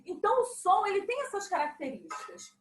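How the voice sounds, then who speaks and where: A woman music teacher giving a patient, animated lesson to young children. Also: very high voice, fairly quick, echoey room, poor audio. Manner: patient, animated explaining with examples.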